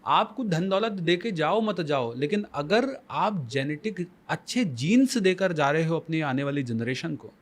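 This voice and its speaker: A man's voice: fairly high pitch, animated, a little slow, few pauses. A man as the guest life coach on a podcast, explaining emphatically with rhetorical questions and mixing Hindi with English phrases. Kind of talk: podcast conversation.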